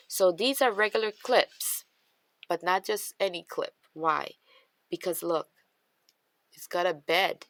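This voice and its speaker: Showing her craft supplies to the camera, this Guyanese-accented host has a lowish, slightly bright voice with vocal fry, and there's a little background noise. Her talk is casual, with thoughts spoken aloud that trail off and start again.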